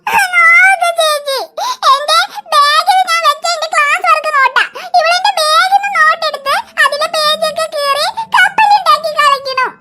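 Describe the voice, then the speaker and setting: A woman's voice: very high-pitched, moderate pace, bright, forceful tone, a little hiss or hum, full character voice. A woman voicing a tearful, whiny schoolgirl younger sister in a cartoon. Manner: whiny, sobbing pleas. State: crying. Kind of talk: cartoon voice acting.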